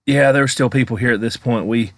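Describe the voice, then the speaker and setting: A man's voice: medium pitch, quick pace, gravelly, no room sound. An American man giving a casual, chatty voice-over as a vlogger, rambling informally as he comments on exploration footage.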